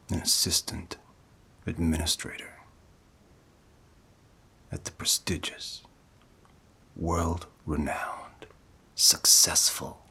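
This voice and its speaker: A man voicing an older, cocky, goofy devil hunter boss in a soft-spoken, breathy ASMR roleplay, with slow, mock-pompous delivery. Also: deep voice, full character voice. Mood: mock formal. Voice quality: breathy, half-whispered.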